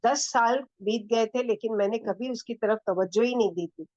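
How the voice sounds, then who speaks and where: A woman's voice: fairly high pitch, darkish tone, dry recording. Woman teacher telling a moral story. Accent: Pakistani Urdu. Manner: reads a first-person story aloud, pausing to ask the listeners. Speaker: Islamic teacher. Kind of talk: storytelling lecture. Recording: dull, dry lo-fi recording.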